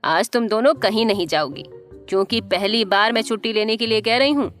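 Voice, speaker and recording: A woman's voice: fairly high pitch, fairly quick, fairly bright tone, soft background music, close to an everyday voice. A woman narrator voicing a stubborn, strict old grandmother in an audio story. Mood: stern. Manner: firm and displeased.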